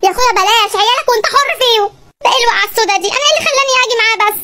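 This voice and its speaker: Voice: extremely high pitch, very fast, bright, forceful tone, slight background noise. A comic performer voicing an exasperated wife and mother with an Egyptian accent, complaining while shopping in a sketch. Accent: Egyptian Arabic. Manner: complaining, pleading, exclaiming. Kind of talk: comedy sketch dialogue.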